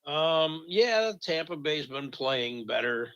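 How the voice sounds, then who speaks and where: A man hosting a sports radio show, measured and brief as he leads through the football games. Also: a little high, sing-song, a bit bright, clear, resonant tone, lo-fi sound.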